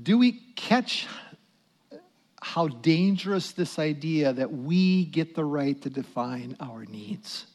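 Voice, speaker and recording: High-voiced pastor preaching slowly. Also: male voice, lively intonation. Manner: dramatic swings from loud to hushed, prayerful asides. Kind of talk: sermon.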